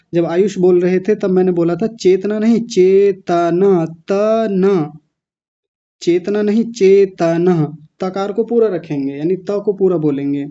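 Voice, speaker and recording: Slow, dark-voiced male teacher drilling syllables. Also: high-pitched, muffled recording. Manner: drills words syllable by syllable, patient and corrective. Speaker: Sanskrit pronunciation teacher. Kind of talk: online class lesson.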